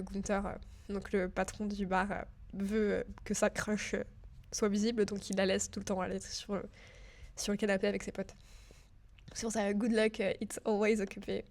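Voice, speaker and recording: A woman's voice: mid-range voice, darkish tone. Chatty young French woman, nervous. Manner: chatty, filler-heavy, addresses the viewer as tu. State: a bit nervous. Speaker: digital school student. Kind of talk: casual screen-share walkthrough.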